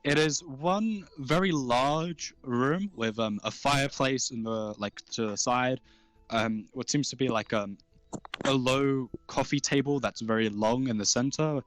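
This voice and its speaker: A man improvising tabletop game narration as game master, in an informal, halting, descriptive way. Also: medium pitch. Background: faint music.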